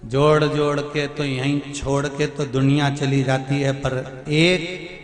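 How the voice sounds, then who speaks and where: A man's voice: medium pitch, fairly even intonation, slow. A man, giving a devotional sermon in a folksy, teasing way, sometimes half-singing. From Madhya Pradesh, India. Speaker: religious storyteller. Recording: echoey hall with music behind.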